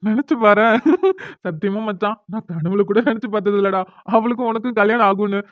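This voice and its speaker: A woman's voice: medium pitch, brisk, no echo, close to an everyday voice. Woman playing a teasing young best friend. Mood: gleeful teasing. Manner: mocking, amused, excitable. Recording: dry, tinny phone-like audio.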